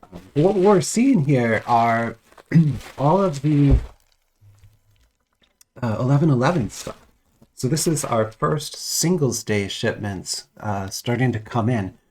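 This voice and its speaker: A man with a cold, his voice a bit off, chats casually while unboxing trading cards at home as a vlogger, rambling with many restarts and little chuckles. His medium-pitched, darkish voice has lively intonation, and he goes slowly, pausing often. There is a little hiss or hum.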